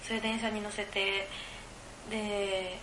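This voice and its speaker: A woman's voice: medium pitch, level tone, takes it slowly, echoey room, background noise. A woman hosting a casual podcast alone, reading listener mail and rambling with frequent giggles as she thinks aloud. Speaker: podcast co-host. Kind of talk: casual solo podcast chat.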